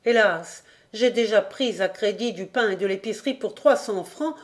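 A woman's voice: medium pitch, moderate pace, close to an everyday voice. A woman voicing a worried, poor mother of four in an audiobook, speaking plaintively.

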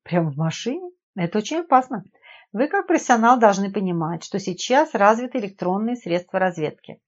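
A woman voicing a calm, ironic middle-aged male spy chief who speaks in an unruffled, dryly persuasive way, in an audiobook. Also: medium pitch, fairly quick, close to an everyday voice. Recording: dull lo-fi audiobook recording.

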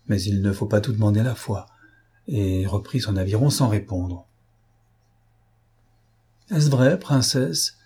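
A man reading a classic novel aloud in steady, measured audiobook narration. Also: lowish voice, breathy edge. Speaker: audiobook reader. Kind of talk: scripted narration.

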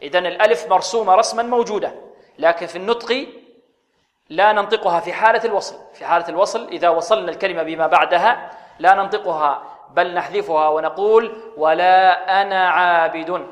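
A man's voice: sits high, big-room sound. A man teaching Quran recitation rules, drawing out words in a chant and asking questions that he answers himself. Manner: models correct and wrong pronunciations, drawn-out chanting. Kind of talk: tajweed lesson.

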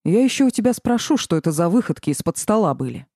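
Lady reading as a grumpy sorcerer guy, growly and short, kinda low mellow voice. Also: very animated, fast talker, breathy edge, dry recording, clean studio sound, full character voice. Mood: stern. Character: gruff angry male sorcerer husband.

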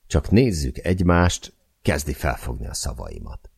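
A man narrates an audiobook in the first person, close and measured. His voice sits extremely low, with a gravelly, husky grain. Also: big pitch swings, darkish tone.

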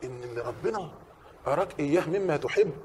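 A man preaching a sermon in an Egyptian Arabic accent, swinging from hushed, reflective passages to impassioned shouting. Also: a little high, expressive, fast talker, a little hiss or hum.

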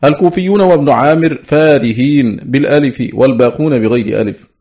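A man reading aloud from a classical scholarly book in a measured, precise way. He slows down to recite each quoted word. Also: medium pitch, darkish tone. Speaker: reader of a classical text. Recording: dull lo-fi recording.

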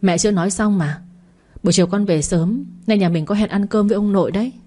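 A woman's voice: mid-range voice, fast talker, mellow, lightly acted. A woman voicing a mother teasing and questioning her son in a narrated audio story. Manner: teasing, curious.

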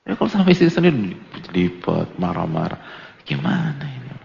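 A man's voice: medium pitch, sing-song, normal speed, vocal fry, a little mellow. A man preaching a religious study lecture to a congregation in a colloquial, humorous way, acting out little bits of dialogue. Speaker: Islamic preacher. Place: lecture hall with an audience. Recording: echoey hall, dull lo-fi audio.

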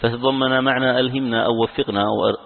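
Man, student reader, quick recitation, small self-corrections, phone-like sound, hall reverb. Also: mid-range voice, fairly even intonation, gravelly. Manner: brisk recitation with occasional stumbles and self-corrections. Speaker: student reading a classical text to his teacher. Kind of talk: reading a classical commentary aloud. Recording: tinny phone-like lecture recording with long hall reverb.

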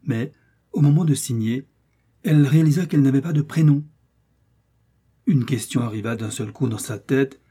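Male storyteller for a children's tale, mellow and husky, gentle and expressive. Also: mid-range voice, normal speed, long pauses. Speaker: narrator.

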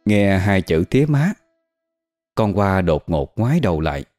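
A man giving scripted horror narration in a dramatic, expressive way. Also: low-pitched, measured pace, faint music behind.

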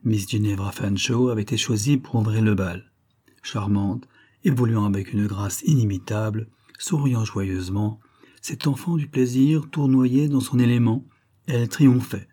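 A man reads a classic novel aloud as an audiobook, with a measured and expressive delivery. His voice sits lowish and carries a breathy edge.

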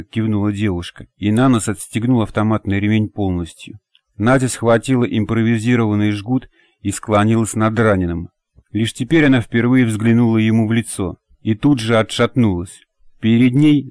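A man narrating an audiobook in a steady, measured reading. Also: lowish voice, dry recording, studio quality. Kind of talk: scripted narration.

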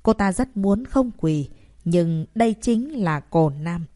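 Female audiobook narrator, steady dramatic delivery, mid pitch, dry booth sound. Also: takes it slowly, no room sound.

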